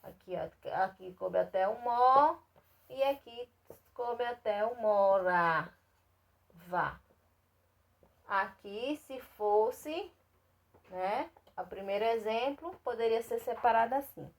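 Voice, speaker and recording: A woman with a Brazilian Portuguese accent leads a recorded lesson for small children. Her voice sits a little high, and she drags out syllables one by one. She keeps asking whether they follow. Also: animated. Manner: patient, repeats and checks in with "tá certo?"; spells out syllables slowly and clearly. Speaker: primary school teacher.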